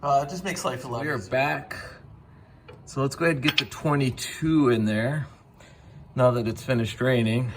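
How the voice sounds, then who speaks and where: Brief: young adult man, mid-pitched, easygoing how-to narration over faint shop noise. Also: moderate pace. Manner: relaxed, step-by-step, frequent fillers. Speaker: car DIY video host. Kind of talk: casual how-to narration while working. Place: home garage workshop.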